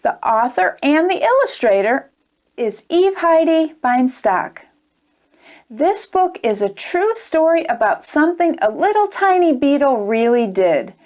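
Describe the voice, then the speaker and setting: An unhurried woman with a high, very animated and slightly mellow voice leads a children's read-aloud. She tells the story expressively while talking directly to the young listeners.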